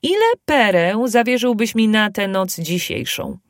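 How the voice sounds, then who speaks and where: Bold, fiery little dwarf, voiced by a woman reader, higher and louder than her narration, dry close sound, storybook. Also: lively intonation, a little slow, no room sound, lightly acted. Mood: resolute. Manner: loud, emphatic and indignant. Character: bold, excitable male dwarf.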